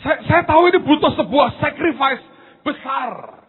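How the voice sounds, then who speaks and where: A male pastor preaching a sermon, animated, swinging from loud to quiet and acting out little dialogues. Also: very high voice, moderate pace. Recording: phone-like narrow sound.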